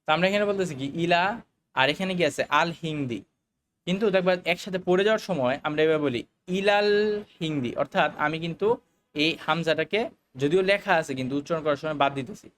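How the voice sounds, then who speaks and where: A man teaching a recorded Arabic lesson, explaining the grammar slowly, with fillers and English words mixed in. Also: on the high side, fairly bright tone.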